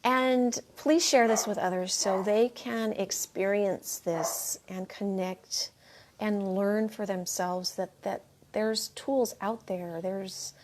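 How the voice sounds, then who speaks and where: A woman hosting a spiritual livestream, gushing over viewer comments and thanking everyone again and again while she clears her throat now and then. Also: medium pitch, a little hiss or hum. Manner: reads viewer comments aloud and answers them. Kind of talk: live chat after a meditation.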